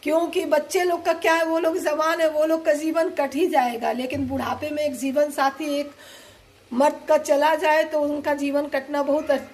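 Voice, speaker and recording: High-voiced woman vlogger with a cold. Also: a little mellow. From eastern India. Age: middle-aged. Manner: chatty, rambling, addresses viewers as friends. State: has a cold and fever. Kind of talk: casual storytelling to camera.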